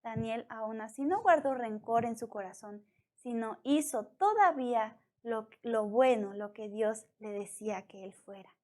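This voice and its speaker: A woman's voice: on the high side, unhurried. A woman with a Mexican accent teaching a children's devotional, retelling a Bible story and asking the listener questions. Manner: animated, asks the listener questions.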